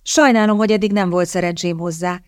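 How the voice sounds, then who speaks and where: A woman reading aloud as an earnest, enthusiastic young gentleman, in a storybook reading. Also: on the low side, fairly even intonation, clean tone, no echo, clean studio sound, natural voice. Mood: eager friendly. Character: eager, good-natured young gentleman.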